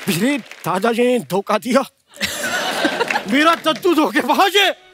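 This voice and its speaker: High-voiced comic man on a noisy stage. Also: sing-song, slow, a loud crowd. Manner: joking, sings and chants in a high voice. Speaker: comic performer in a sketch. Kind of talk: comedy sketch banter with singing. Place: large TV studio stage. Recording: TV studio stage with loud music and audience. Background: loud music and a laughing studio audience.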